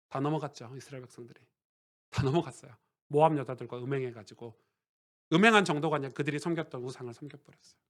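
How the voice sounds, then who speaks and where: Male pastor, high-pitched, conversational sermon delivery with sudden emphatic swells. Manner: swings from quiet asides to loud emphatic preaching; conversational, asks the congregation questions.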